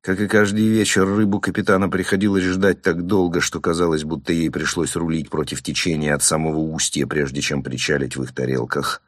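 A man reading a novel aloud as an audiobook narrator, in a measured storytelling delivery. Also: rumbling low, little pitch movement, no room sound, clean studio sound. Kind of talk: scripted narration.

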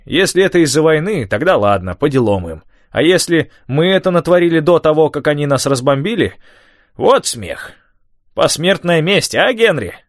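A man reads an old man full of loud, excited chatter, his voice jumping up high and carrying strongly. He rambles on, exclaiming, pitch swinging widely, in a dry, close audiobook recording. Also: measured pace, no echo, full character voice. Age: older. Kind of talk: audiobook character voice.

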